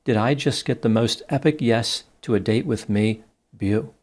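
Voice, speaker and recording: A man reading out the messages of a flirty female AI chatbot, slowly and plainly. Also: medium pitch, darkish tone, lightly acted. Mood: gushing.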